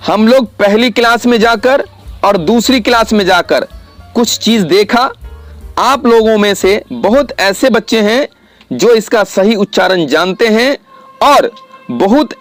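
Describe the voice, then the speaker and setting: Male teacher, high voice, unhurried delivery that models each sound for young pupils. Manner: slow, careful explanation with drawn-out vowel sounds. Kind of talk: classroom lesson to children.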